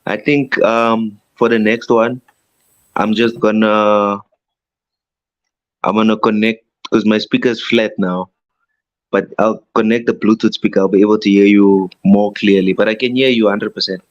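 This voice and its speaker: Slow, laid-back man on a phone mic. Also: lowish voice, fairly even intonation, muffled recording. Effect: heard through a phone mic. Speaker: co-host. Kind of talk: casual chat.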